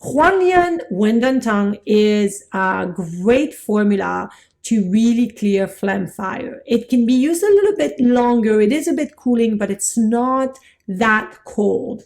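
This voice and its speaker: A middle-aged woman teaching Chinese medicine in a chatty, excitable way, laughing at herself as she goes. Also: on the high side, slow. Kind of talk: informal lecture.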